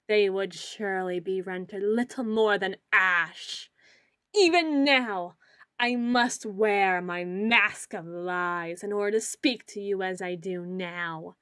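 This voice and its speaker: A woman playing a pompous, socially awkward self-styled lord of shadows in an ASMR roleplay, speaking in grandiose, archaic phrases with dramatic pauses. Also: mid-range voice, fairly bright tone, dry recording, studio quality. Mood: haughty, mysterious.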